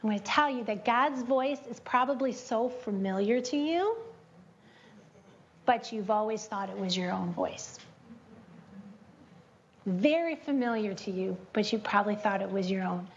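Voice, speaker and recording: A woman giving a chatty, animated devotional teaching, breaking into spoken prayers to God. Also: measured pace, pauses often, a little hiss or hum. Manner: chatty and animated, prays aloud with rising pitch. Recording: dull lo-fi recording.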